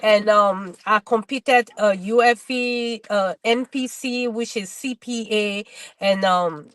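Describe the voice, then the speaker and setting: A middle-aged woman from Liberia, a bodybuilder guest telling her story in casual webinar talk, halting and restarting her words often. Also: medium pitch, steady tone, a bit bright, no room sound.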